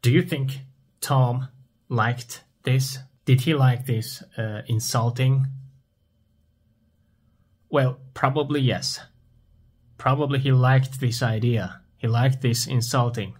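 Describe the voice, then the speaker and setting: A man teaches at a very unhurried pace. His voice is husky and mid-pitched. He asks a question, pauses, and then answers it himself in simple words. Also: steady tone. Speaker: English teacher. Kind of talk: slow question-and-answer language lesson.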